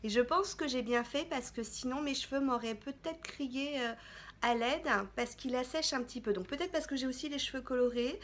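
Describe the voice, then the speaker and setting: A woman's voice: high voice, normal speed, a bit bright. A woman vlogger chatting casually about products she bought, hesitating often with fillers. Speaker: beauty vlogger. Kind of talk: casual haul vlog chat.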